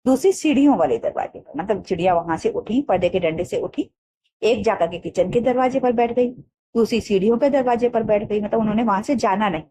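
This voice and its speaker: A woman's voice: medium pitch, fairly quick, warm tone, slight background noise. A woman teacher reading a textbook lesson aloud, repeating each line and paraphrasing it simply for students. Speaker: Hindi teacher.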